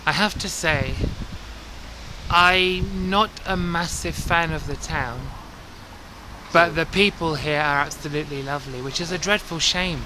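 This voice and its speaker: A bus travel vlogger narrates a casual vlog from buses and town streets, chatty, warm-hearted, and reflective. His fairly high voice is unhurried, set against loud vehicle and street noise.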